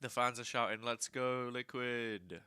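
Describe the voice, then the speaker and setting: A man imitating a flat, robotic caster voice, speaking in slow, clipped, monotone words. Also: mid-range voice, smooth, no echo. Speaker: streamer co-watching a match.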